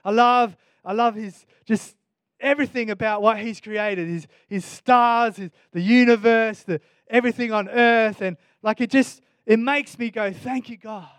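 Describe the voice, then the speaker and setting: A man's voice: high voice, fairly even intonation, measured pace, fairly bright tone, clean tone, dry recording. A male pastor giving a sermon in an earnest, conversational way, often restarting his sentences.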